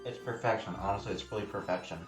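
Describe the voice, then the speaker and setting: A man's voice: lowish voice, fairly even intonation, quick pace, faint music behind. Guy chatting through a food vlog, roomy echo, a bit far off the mic. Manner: chatty and self-deprecating, eating on camera. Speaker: food vlogger. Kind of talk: casual food vlog talk.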